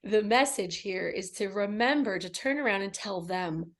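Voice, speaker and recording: A woman hosting a casual chat who affirms the others warmly and hands the turns around. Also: medium pitch, animated, moderate pace. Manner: warm, affirming, directs the turns. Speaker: host.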